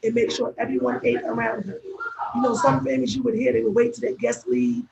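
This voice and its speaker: Speaking fast with a creaky, high-leaning voice, a woman chats casually on a live stream in the roles of restaurant owner and guest, her braces slightly impeding her speech. Heavy background noise fills the dull, echoey stream along with crowd chatter.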